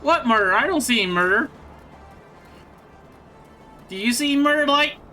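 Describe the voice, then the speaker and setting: Bright, lively male game streamer. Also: very high voice, normal speed, faint music behind. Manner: playful, laughs often. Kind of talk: casual chat while playing a game.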